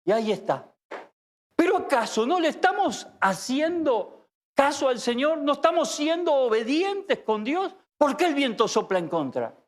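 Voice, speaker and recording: A man with an Argentine accent preaching an impassioned sermon in a church as pastor, full of rhetorical questions. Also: extremely high pitch. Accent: Argentine Spanish.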